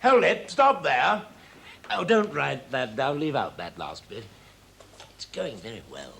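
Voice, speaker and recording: A man's voice: mid-range voice, big pitch swings, a little slow, gravelly, a bit bright, a little hiss or hum, full character voice. An actor playing an impatient, theatrical stage director who bosses his cast through a rehearsal in a 1970s televised stage drama. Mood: bossy, excitable. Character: fussy, excitable stage director running a rehearsal.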